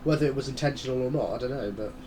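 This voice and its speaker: A gaming channel host with a mellow, mid-range voice fires off rapid, rambling commentary as he plays a racing game, chatting and muttering asides. He has a head cold that blocks his nose, so he mouth-breathes, and a little hiss or hum can be heard.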